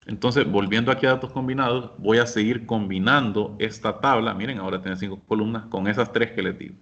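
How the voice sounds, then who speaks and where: A man teaching a software class, explaining each step patiently and speaking directly to his students. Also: on the low side, steady tone, a little fast, muffled recording. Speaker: instructor. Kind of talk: screen-share software lesson.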